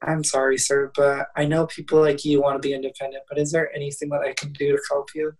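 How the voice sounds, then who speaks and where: A man's voice: fairly high pitch, little pitch movement, fast talker, a little mellow, close to an everyday voice. Man quoting a kindly old helper. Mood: polite.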